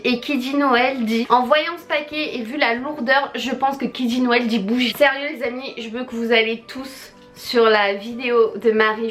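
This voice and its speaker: A young woman vlogging as she unboxes gifts, gushing and exclaiming to her viewers and to the friend who sent them. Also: on the high side. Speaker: beauty vlogger. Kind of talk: excited unboxing chat.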